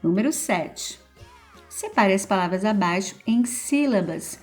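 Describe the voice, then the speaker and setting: Brazilian woman teacher, patient, drawn-out key words, soft music under it. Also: mid-range voice, animated. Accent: Brazilian Portuguese. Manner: slow, patient, stretches key words, often adds "então" and "ó". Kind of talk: correcting school exercises aloud.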